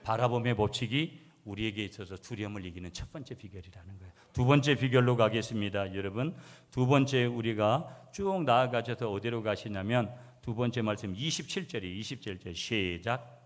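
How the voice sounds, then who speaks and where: A man's voice: fairly low pitch, a little fast. A man, a pastor, delivering a sermon with emphatic rises and comic dialect readings. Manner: reads a psalm in broad dialect for humor, then preaches emphatically. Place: church sanctuary. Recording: long hall reverb of a church.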